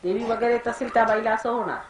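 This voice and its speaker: A woman guides a crowd through meditation, commanding and quick to scold. Her voice sits a little high, and the recording is roomy and echoey, with a faint hiss underneath. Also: fairly even intonation. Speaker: spiritual teacher.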